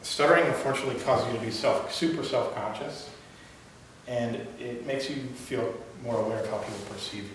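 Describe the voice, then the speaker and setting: In a meeting room, a young man addresses a club audience with a prepared speech, using a mid-range voice at a fairly quick clip and occasionally stuttering or beginning again. The audio is hissy and echoey, recorded from a distance.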